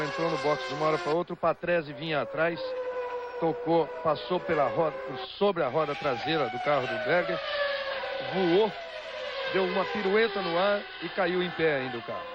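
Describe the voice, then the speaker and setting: A man's voice: fairly high pitch, normal speed. Brazilian man, motorsport commentator, noisy lo-fi broadcast. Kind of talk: conversational race commentary. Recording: dull lo-fi broadcast, loud engine noise. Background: loud racing cars.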